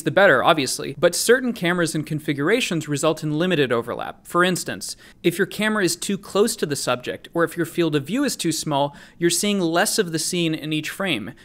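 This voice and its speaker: A man's voice: fairly high pitch, fairly bright tone. A young man presenting his research paper in a recorded conference talk, explaining step by step and answering his own questions.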